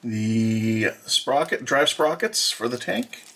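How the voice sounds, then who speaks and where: Male hobbyist host, mid-range voice, halting and unpolished, faint hiss behind. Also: medium pitch, animated, bright, forceful tone. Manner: hesitant, many filler pauses; plain, matter-of-fact describing. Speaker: hobby model builder. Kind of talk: unboxing walkthrough.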